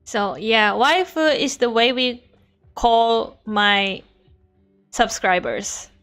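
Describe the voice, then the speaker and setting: Bright, high-voiced woman streamer, playful. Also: very slow, soft background music. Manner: animated, playful, expressive reactions. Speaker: VTuber streamer reading chat. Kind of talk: casual livestream chat while studying Spanish.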